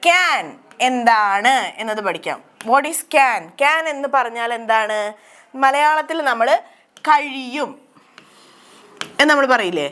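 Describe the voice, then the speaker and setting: Malayali lady teacher explaining grammar, high voice, keeps asking then answering herself. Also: sharp tone. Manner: repeats questions and answers them herself. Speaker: English teacher.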